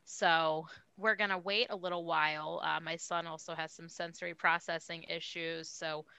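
Young woman hosting a chill podcast, bright crisp voice, sounds pretty dry and close. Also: fairly low pitch, normal speed, dry recording. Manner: relaxed, hesitant with many ums. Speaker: podcast host. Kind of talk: casual chat.

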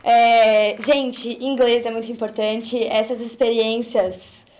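High-voiced young woman. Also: flat delivery, slow, darkish tone. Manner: rambling, loses her train of thought. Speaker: podcast guest. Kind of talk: casual chat.

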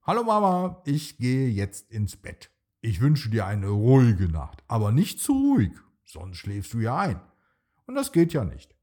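Reading a bedtime story, a man plays a little boy dinosaur full of eagerness, using an excited, pleading, childlike voice. He speaks at a medium pitch and an unhurried pace in a cheerful mood.

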